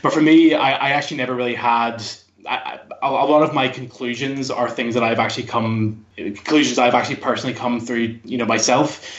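Steady and fairly quick with hardly a pause, this medium-pitched voice belongs to a thirtysomething man from Belfast, Northern Ireland. He's a podcast guest wandering casually through the conversation, captured in a dull, lo-fi recording in an echoey space.

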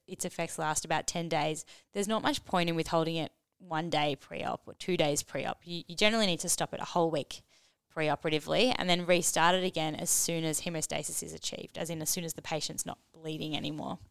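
A woman's voice: fairly low pitch, a little fast, fairly bright tone, smooth, no echo. A woman hosting a casual educational discussion, explaining things in an informal way. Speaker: podcast host and medical teacher.

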